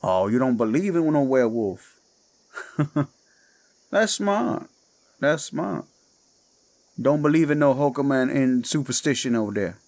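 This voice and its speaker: A man with a Cajun accent takes the role of a menacing werewolf who passes himself off as a friendly swamp guide in a horror audio drama. His mid-range voice is expressive and a little mellow, in a slow, coaxing drawl.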